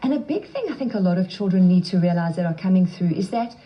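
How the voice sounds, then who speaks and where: A woman's voice: lowish voice, expressive, quick pace. A South African woman answering interview questions as a guest, speaking in a self-assured, emphatic way. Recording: slightly dull, band-limited sound.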